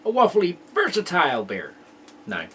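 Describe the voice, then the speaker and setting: A man hosting a homebrew video, chatting casually as he tastes a beer, rambling and joking and often clearing his throat. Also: sits high, wildly swooping pitch, moderate pace, bright, forceful tone, a little hiss or hum. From England. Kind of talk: casual homebrew tasting chat.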